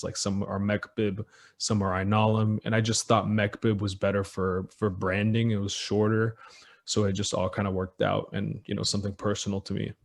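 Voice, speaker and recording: A young man of Ethiopian heritage, a podcast guest chatting casually and joking, with lots of "um" and "like", recorded over a video call. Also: on the low side. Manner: laid-back, filler-heavy, joking. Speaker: podcast guest, business owner.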